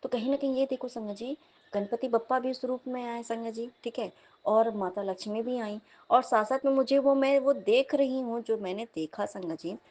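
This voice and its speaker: A young woman, telling of a dream as devotional testimony in a lively storytelling manner, often turning to her listeners. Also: on the high side, normal speed. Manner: animated storytelling, repeatedly addressing listeners. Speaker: devotee sharing a dream at satsang.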